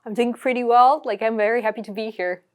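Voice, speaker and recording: A woman's voice: on the high side, steady tone, quick pace, clear, resonant tone. A woman from Serbia in her forties, giving a webinar talk with frequent fillers and restarts. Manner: many fillers and restarts, uses "like" often. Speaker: guest speaker. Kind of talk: webinar presentation.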